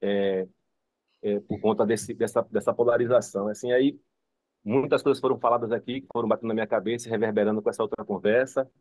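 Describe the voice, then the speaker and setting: A man's voice: on the low side, fairly even intonation, quick pace, a little mellow, dry recording. A man with a Bahian Brazilian accent, making an informal, rambling comment as a participant in an online seminar. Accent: Bahian Brazilian Portuguese. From Salvador, Bahia, Brazil. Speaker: seminar participant, psychoanalysis student.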